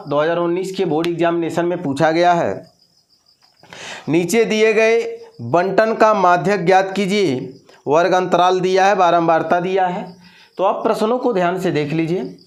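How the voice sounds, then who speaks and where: High-voiced man teaching math. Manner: asks questions and answers them himself, repeats numbers. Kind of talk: classroom math lesson.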